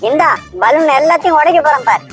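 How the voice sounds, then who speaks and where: Brief: high, cheeky cartoon parrot played by a woman, greedy and taunting. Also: quick pace, over music, close to an everyday voice. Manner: taunting, mocking.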